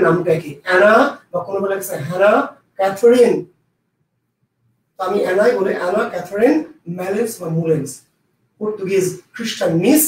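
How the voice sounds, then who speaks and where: High-voiced man lecturing in an echoey room. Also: darkish tone, a little hiss or hum. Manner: repeats key answers, quizzes the students aloud. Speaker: exam prep teacher. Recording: echoey room, mic at a distance.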